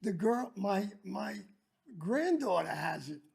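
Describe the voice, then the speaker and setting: An older man chats casually and reminisces. His voice is notably high for a man, with a rough rasp and plenty of fry. He speaks haltingly, often starting a phrase over. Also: big pitch swings, a little mellow. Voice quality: raspy, creaky.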